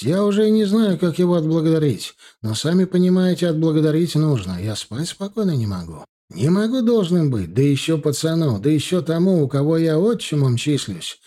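A man's voice: a little high, mellow, pitched above the performer's own voice. A man voicing a proud middle-aged stepfather in an audiobook, earnest and troubled.

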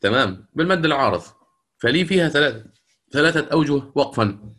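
A man teaching Quran recitation rules in a lecture, explaining patiently, asking his students questions and slowing down to recite verses. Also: fairly high pitch, animated, a bit bright.

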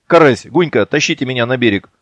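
A man's voice: mid-range voice, lively intonation, fast talker, fairly bright tone, dry recording. A man voicing a stubborn, wounded male warrior who grumbles and argues. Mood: grumbling. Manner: grumbling, argumentative.

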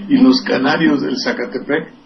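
A man's voice: medium pitch, recorded from a distance. Older Mexican male radio host, sarcastic, profane, meandering; lo-fi recording with faint hiss. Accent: Mexican Spanish. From Veracruz, Mexico. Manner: rambling, sardonic and profane, with digressions. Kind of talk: political commentary on radio.

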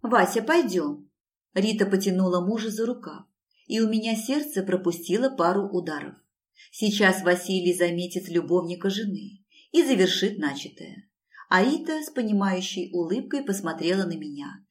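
A woman's voice: mid-range voice, expressive, normal speed. A woman narrating a first-person romance story in an emotional, intense reading. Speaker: audiobook narrator.

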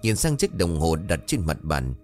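A man tells a ghost story in a low, lively voice that rises and falls with the tension. He also slips into the characters' voices for their lines. Faint music plays underneath the narration. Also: moderate pace.

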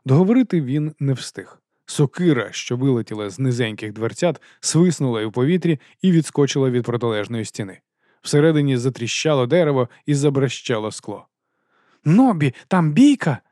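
A man narrating a comic fantasy novel as an audiobook, in steady, measured storytelling. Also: mid-range voice, no echo, studio quality. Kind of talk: scripted narration.

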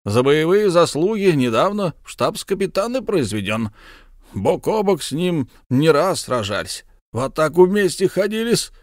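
A man's voice: fairly high pitch, big pitch swings, moderate pace, no room sound, clean studio sound, pitched above the performer's own voice. A man voicing a blustering, hot-tempered, slightly drunk count who hosts a ball, speaking in effusive, theatrical exclamations. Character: blustering tipsy middle-aged count, host of a ball.

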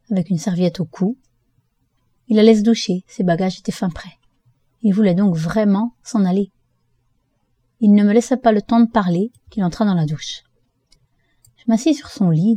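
A woman narrates a first-person story for an audiobook at a steady, measured pace. Her voice is very dark and mellow, and the recording is dry and close. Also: mid-range voice, no echo. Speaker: audiobook reader.

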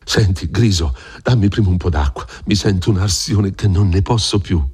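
A man playing a sick, desperate middle-aged nobleman who shouts and pleads. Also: low-pitched, normal speed, husky. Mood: weary.

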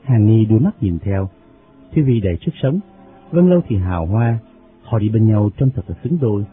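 A male narrator with a lowish voice reads a novel in a steady, measured way. The sound is narrow and phone-like, with soft music running underneath. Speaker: audiobook narrator.

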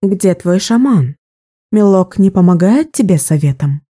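Man doing a young sorceress: high, dark-toned, icy and menacing. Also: expressive, a little slow. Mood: probing.

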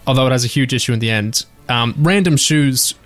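A man in casual discussion, animated, with frequent restarts and the odd swear word. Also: medium pitch, a little fast, soft background music.

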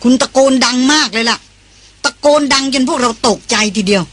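A woman's voice: a little high, brisk, a bit bright, a little hiss or hum, voice pushed up, lightly acted. A woman voicing a shaken American man who speaks with a trembling voice. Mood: alarmed.

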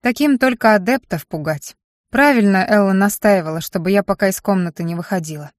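A woman reading a first-person fantasy story aloud in a steady, measured narration. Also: mid-range voice, dry recording, clean studio sound. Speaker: audiobook narrator. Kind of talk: scripted narration.

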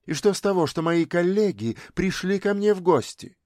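A man's voice: high-pitched, animated, normal speed, darkish tone, no room sound, clean studio sound, pitched above the performer's own voice. A man reading an audiobook, voicing a stern, scornful middle-aged mother who scolds her children sarcastically. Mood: indignant.

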